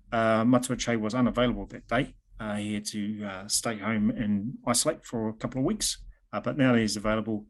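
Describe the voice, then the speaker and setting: A man with a New Zealand accent hosting an informal presentation on a video call in a chatty manner. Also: mid-range voice. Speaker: host and presenter. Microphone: video call microphone.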